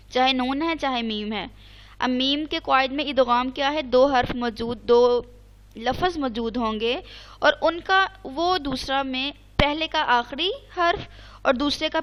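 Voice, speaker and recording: Brief: high, clear female teacher; patient online recitation lesson, repeats and checks. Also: a bit bright. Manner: chants Arabic examples slowly.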